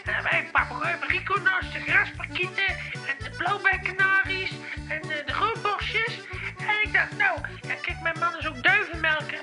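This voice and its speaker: A woman playing a smitten caller to a radio show, rambling and giggly with many hesitations in a comedy sketch. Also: extremely high pitch. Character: smitten female radio caller, gushing fan of a singer.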